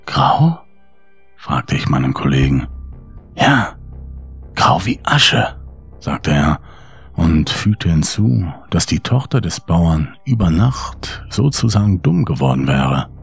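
Male horror audiobook narrator, deep and raspy, with a creaky edge and faint music behind.

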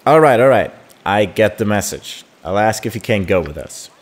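A man's voice: lowish voice, animated, moderate pace. A man voicing a playful, sneaky young woman while reading game dialogue aloud, in a teasing, chatty way. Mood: sly.

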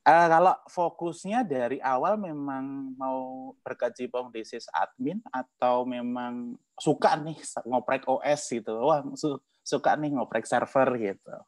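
A man hosting a casual livestream chat, joking, laughing often and filling pauses. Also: mid-range voice, fairly even intonation, no echo. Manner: jokey, laughs often, many fillers. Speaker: host.

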